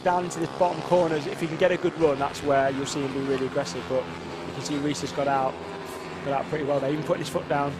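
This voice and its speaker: A man giving conversational motorsport commentary as the analyst, often restarting and repeating his words. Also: on the high side. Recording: noisy outdoor trackside sound. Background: vehicle and outdoor track noise.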